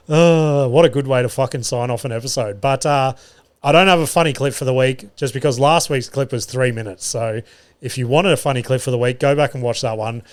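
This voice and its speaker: Recorded in a studio, a young comedian hosting a solo podcast rambles casually through his stories, a little on the fast side. He swears freely and chuckles at his own punchlines, and his voice sits at an ordinary middle pitch.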